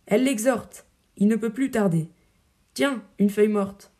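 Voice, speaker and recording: Woman doing sweet noble lady who scolds lightly, audiobook play, mellow voice. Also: medium pitch, a little slow, lightly acted. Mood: fond. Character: noblewoman, affectionate, chiding, devoted widow. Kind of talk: audiobook reading of verse drama.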